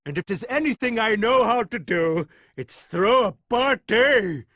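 A man's voice: high-pitched, animated, a little slow, a bit bright, a little hiss or hum. A man voicing a vain, party-loving lemur king in a video game, theatrical, pompous and childishly gleeful. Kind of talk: animated video game cutscene acting.

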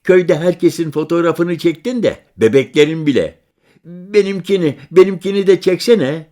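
A man's voice: moderate pace, lightly acted. A man doing an eager, chatty village boy. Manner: high, bright, excited and insistent.

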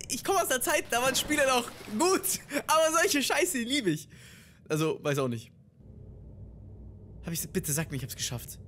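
A young adult gamer narrates a horror game for viewers, excitable and swearing, yelping whenever something scary happens. The voice is medium-pitched, with slight background noise.

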